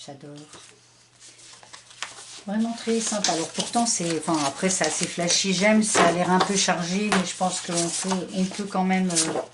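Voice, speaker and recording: Middle-aged lady showing off her craft papers, lowish voice, lots of um and uh, noisy background. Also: fairly even intonation, normal speed. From France. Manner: chatty, hesitant, many fillers. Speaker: scrapbooking vlogger. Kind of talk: casual haul show-and-tell.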